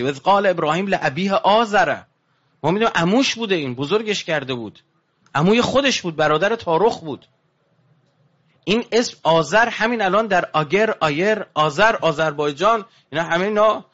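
A man giving a religious lecture, animated with rising emphasis, dropping low and hushed when he tells a story. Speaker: preacher. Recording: dull lo-fi recording.

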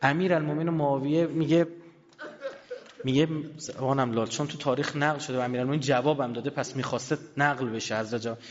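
A male preacher delivering an emotional sermon, rising to loud high cries and dropping to slow, hushed lines. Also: steady tone. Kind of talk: impassioned religious sermon, storytelling. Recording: reverberant hall, dull lo-fi sound.

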